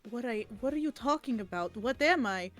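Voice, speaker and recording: A woman's voice: a little high, animated, brisk, fairly bright tone, faint music behind. Woman playing a tabletop game, casual. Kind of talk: casual improvised role-play.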